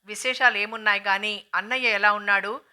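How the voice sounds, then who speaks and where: A woman's voice: mid-range voice, fairly even intonation, a little fast, bright, forceful tone, clean tone. A woman reading the lines of a shy, troubled young woman who speaks hesitantly. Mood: sad.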